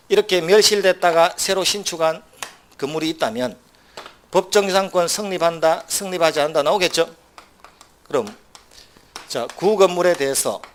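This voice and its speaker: Brisk man lecturing on exam law. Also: fairly high pitch, fairly bright tone, a little hiss or hum. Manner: brisk, quizzing students with rhetorical either-or questions; wry asides with short laughs.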